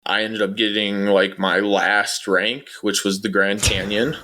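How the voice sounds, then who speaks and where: Speaking at a measured pace in a fairly low, steady voice, a former air traffic controller answers an interviewer's questions casually and plainly. Background noise can be heard.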